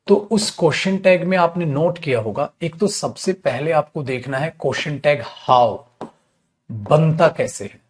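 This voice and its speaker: A male teacher giving a live online class. He speaks in a lively way, asks and answers his own questions, calls his students "beta", and slows down to spell out English example sentences. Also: a little high.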